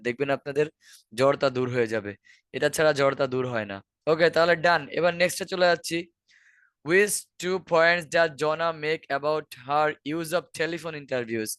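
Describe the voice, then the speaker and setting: A man's voice: fairly high pitch, a bit bright, clear, resonant tone, no echo. A man with a Bangladeshi accent teaching an online exam-prep class, explaining answers step by step and repeating key words. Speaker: IELTS teacher.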